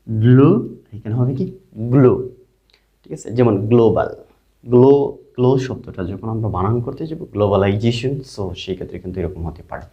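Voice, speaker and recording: In a dull, lo-fi recording, a man with a lowish, warm voice teaches an online English spelling and sound lesson. He poses questions and answers them himself, repeating each sound slowly.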